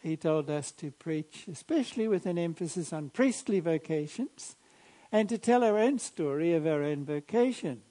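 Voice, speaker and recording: Measured older priest with a mellow voice. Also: male voice, fairly high pitch, expressive. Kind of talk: Gospel reading and homily.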